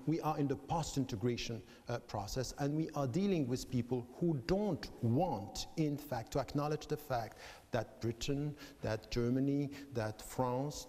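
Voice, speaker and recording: Measured male professor from Switzerland. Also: mid-range voice, darkish tone. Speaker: professor, guest. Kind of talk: debate interview. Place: debating hall with an audience. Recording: long hall reverb.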